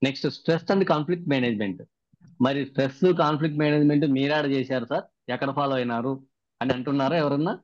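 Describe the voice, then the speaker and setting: A man's voice: medium pitch, racing, no echo. A man, the trainer of a workshop, recaps the sessions and keeps putting questions to the participants over a video call. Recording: dry, muffled video-call audio.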